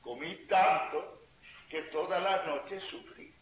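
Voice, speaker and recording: Distressed humble pilgrim, voiced by a man, slow delivery, echoey room. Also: fairly high pitch. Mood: plaintive. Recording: echoey room with faint hiss.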